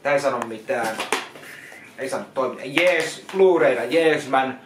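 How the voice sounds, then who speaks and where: A man talking casually in a vlog as he goes through donated films, repeating words, restarting and giving plain verdicts. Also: mid-range voice. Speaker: vlogger unboxing donated films. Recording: echoey room with loud noise.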